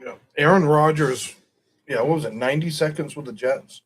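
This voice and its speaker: A man's voice: a little high, normal speed, a little hiss or hum. A middle-aged man hosting a stream, chatting casually about football in a rambling, opinionated way and often correcting himself. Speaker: stream host.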